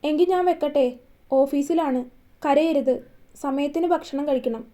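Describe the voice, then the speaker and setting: Woman playing a tender young man, gentle, soothing, phone call, romance story, high mellow voice. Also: measured pace. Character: tender young man comforting his fiancée.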